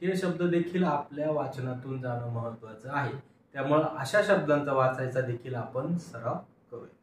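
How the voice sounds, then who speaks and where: A man's voice: mid-range voice, moderate pace, slight background noise. A man teaching English word reading, patiently asking questions and answering them himself in call-and-repeat drills. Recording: very echoey room, mic at a distance.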